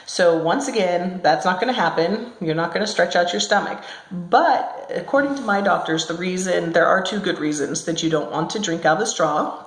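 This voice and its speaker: Woman talking in an echoey room. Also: lowish voice. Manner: chatty, with many ums and self-corrections. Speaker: vlogger. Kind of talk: casual talk to camera. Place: small room at her workplace.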